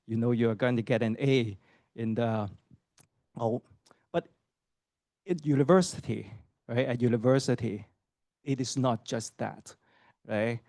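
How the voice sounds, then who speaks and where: A middle-aged associate professor from Hong Kong, talking casually to students and parents about university admissions, asks the audience questions and keeps adding fillers and "right?" tags. His mid-range voice is steady and warm, a little slow, with frequent pauses. The clean studio recording has no echo.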